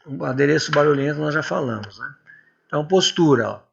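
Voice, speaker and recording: A man's voice: on the high side, animated, brisk, creaky, breathy edge. A man from Brazil giving an informal lecture on public speaking, chatty and full of tag questions and little anecdotes. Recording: dull lo-fi recording.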